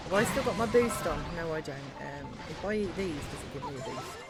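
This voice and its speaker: A woman's voice: low voice, expressive, a little fast, loud music behind the voice. A woman giving casual commentary as she plays a video game. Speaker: gamer playing and commenting.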